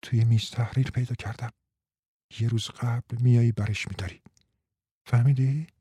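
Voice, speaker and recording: A man's voice: mid-range voice, slightly rough, dry recording, clean studio sound, natural voice. Man putting on a scheming coaxing wife. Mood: hushed coaxing. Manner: hushed, coaxing. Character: scheming young wife, soft, coaxing, determined.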